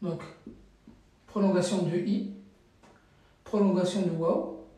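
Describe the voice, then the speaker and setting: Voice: medium pitch, fairly even intonation, slow, warm tone, reverberant, slight background noise. A teacher running a live reading class, calling on students and correcting them patiently, drilling syllables over and over.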